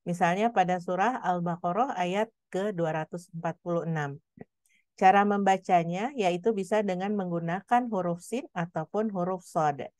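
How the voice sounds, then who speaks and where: A woman teaching a Quran recitation lesson, explaining patiently and drawing out example words slowly. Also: fairly low pitch, darkish tone, no echo, studio quality. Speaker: tajwid teacher.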